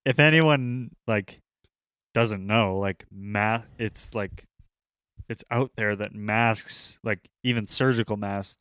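A man's voice: lowish voice, slow pace, a bit bright, smooth, dry recording. A man in casual chat, talking loosely with slang and swearing.

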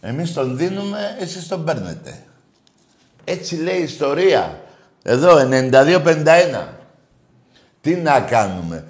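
A man hosting a call-in radio show, blunt and crude, going from low grumbling to loud mocking rants. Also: sing-song, long pauses.

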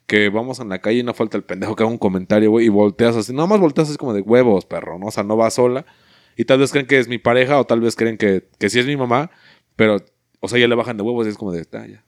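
A man's voice: mid-range voice, no echo, clean studio sound. A young man with a Mexican Spanish accent, telling crude, slang-filled stories in a casual chat and swearing constantly.

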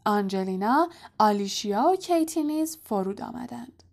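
A woman narrating a storybook in a soft, quiet, even-paced voice. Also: medium pitch, gravelly. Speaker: audiobook narrator.

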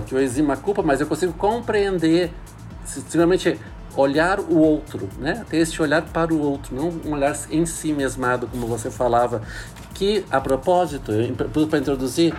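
A priest talks things through in a slow, reflective way, often pausing on small fillers. His voice sits a touch higher than most men's, and faint music plays softly behind him. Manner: thoughtful, hesitant with many fillers. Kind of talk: casual reflective talk.

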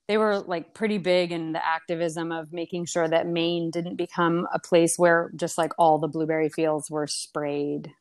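A young woman telling stories about her childhood in a relaxed conversational way, with lots of fillers and restarts. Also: low voice, normal speed, few pauses. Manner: rambling, many fillers and restarts. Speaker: podcast guest. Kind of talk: casual conversational storytelling.

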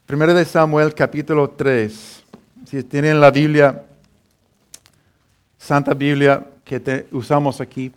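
A man's voice: a little high, level tone, a little slow, pauses often, smooth. A middle-aged man preaching a sermon as pastor, telling a family story with many restarts and chuckles.

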